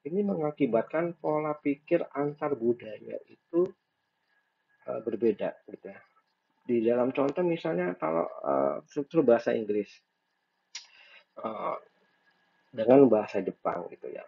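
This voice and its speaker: A man's voice: medium pitch, very animated, a little slow, creaky, pauses often, breathy edge. A man giving a recorded lecture, thinking aloud with frequent fillers and restarts. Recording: dull lo-fi recording.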